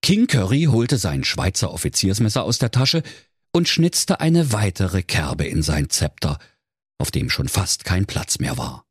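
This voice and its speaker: Animated male fairy-tale storyteller. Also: deep voice, unhurried, husky, no room sound, studio quality. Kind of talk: comic fairy-tale narration for children.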